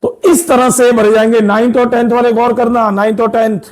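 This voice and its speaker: A man's voice: extremely high pitch, fairly quick. A man teaching English grammar to school students, explaining patiently, repeating points and often checking that they follow. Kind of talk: classroom grammar lesson.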